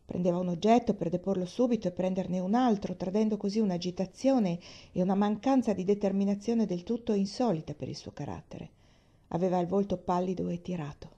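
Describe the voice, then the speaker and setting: Woman reader, calm, measured storybook narration, mellow dark tone. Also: mid-range voice, lo-fi sound. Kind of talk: audiobook narration.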